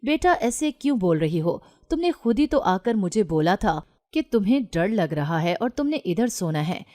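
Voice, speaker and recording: A woman's voice: medium pitch, sing-song, darkish tone, natural voice. A woman narrator voicing a stern, secretive middle-aged mother in a storybook reading, clipped and evasive. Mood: puzzled. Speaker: mother in a read-aloud story.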